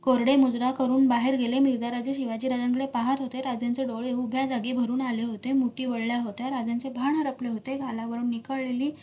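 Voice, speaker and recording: A woman reads a historical novel aloud in a steady, dramatic storytelling voice. Her voice sits somewhat high for a woman. She paces each scene with care. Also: a little fast, hardly any pauses. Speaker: narrator.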